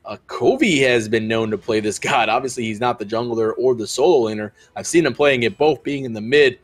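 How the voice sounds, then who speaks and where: A man's voice: medium pitch, brisk. A man casting a video game match, talking through picks with lots of fillers and restarts. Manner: rambling, filler-heavy analysis. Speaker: esports caster. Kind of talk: esports casting commentary.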